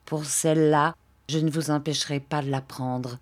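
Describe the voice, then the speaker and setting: A woman reading an audiobook, voicing a spiteful young woman full of hatred, who speaks slowly and cuttingly. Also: low-pitched, steady tone. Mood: contemptuous. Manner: slow, hard, cutting delivery.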